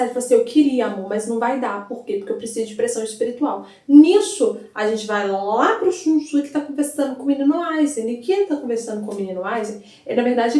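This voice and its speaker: A woman's voice: a little high, dark tone. A woman, chatting animatedly as she recaps an anime episode and retells its scenes. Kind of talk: casual excited episode recap. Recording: echoey room, mic at a distance.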